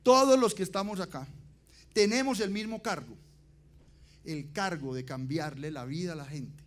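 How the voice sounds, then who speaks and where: A man giving a motivational conference talk, asking the audience rhetorical questions and swinging between loud emphasis and quiet, dropped endings. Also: a little high, expressive, moderate pace. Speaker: conference speaker.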